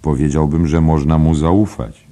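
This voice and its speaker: A man's voice: very deep voice, steady tone, moderate pace, dark tone, pitched above the performer's own voice. Casting: male reader as a courteous, mild-mannered barman, voice raised a notch, storybook. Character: polite, drowsy male barkeeper. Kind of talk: audiobook character voice.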